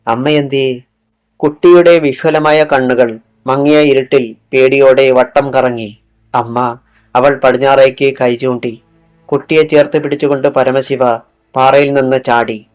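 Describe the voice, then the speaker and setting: A man reading a thriller audiobook in scripted narration, dropping his voice for quoted lines. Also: medium pitch. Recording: faint music underneath.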